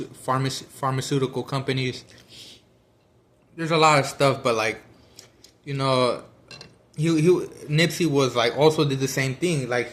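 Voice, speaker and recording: A man's voice: mid-range voice, fairly bright tone, a little hiss or hum. A man talking casually about a book he is reading, rambling with many fillers and restarts while he eats. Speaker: vlogger discussing a book. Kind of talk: casual chat.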